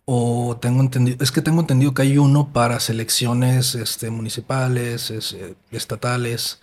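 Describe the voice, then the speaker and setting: A man hosts a relaxed football podcast. He talks in an easygoing way, circling back with fillers and repeated words as he sets up his questions. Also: medium pitch, normal speed. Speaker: podcast host. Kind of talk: casual chat.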